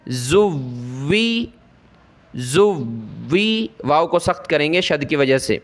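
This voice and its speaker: A man with a Pakistani Urdu accent giving a Quran reading lesson, explaining quickly and then drawing out each letter sound slowly. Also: on the high side, a bit bright. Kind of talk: spoken lesson, spelling out Arabic letters.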